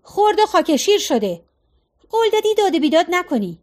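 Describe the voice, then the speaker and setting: A woman's voice: high voice, lively intonation, pitched above the performer's own voice. A woman reading a grumbling stubborn husband. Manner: complaining, nagging. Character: grumbling middle-aged husband, fussy and stubborn.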